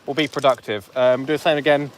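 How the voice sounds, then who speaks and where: A man's voice: mid-range voice, fairly even intonation, fast. A man hosting a live fishing stream outdoors on a beach, chatting and joking with viewers through a phone mic. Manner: jokey, chatty, banters with viewers. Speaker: fishing livestream host. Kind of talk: casual live commentary to chat.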